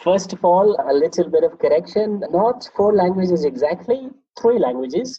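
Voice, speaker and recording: A Pakistani English teacher whose first language is Pashto talks about his life as a language learner in a conversational interview. His high, slightly rough voice is brisk and carries a Pakistani accent; he's animated and reflective, often laughing at himself. The audio is dull, with no room sound.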